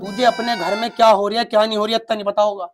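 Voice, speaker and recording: A man's voice: high voice, racing, over music, natural voice. A man playing a chatty, sassy woman who gossips and mocks in a comic sketch. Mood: mocking. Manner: animated, teasing, mocking storytelling. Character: chatty gossiping adult woman, sassy older sister type.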